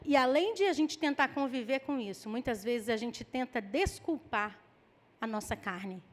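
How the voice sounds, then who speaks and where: A woman with a Brazilian Portuguese accent preaching a lively sermon, acting out people's excuses in mock voices. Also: fairly high pitch, normal speed.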